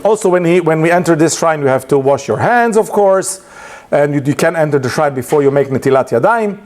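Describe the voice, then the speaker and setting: A non-native English speaker, male, gives a relaxed lunchtime talk, narrating a story with frequent hesitations and restarts. His voice is on the high side and fairly quick, and he laughs through his animated storytelling.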